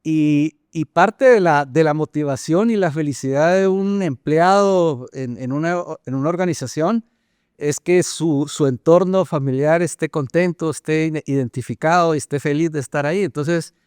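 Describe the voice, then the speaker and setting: An older man from Colombia with a Colombian accent, a company general manager answering interview questions thoughtfully, often pausing and repeating words. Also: fairly high pitch, a little mellow, clear, resonant tone, no room sound, clean studio sound. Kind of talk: conversational interview.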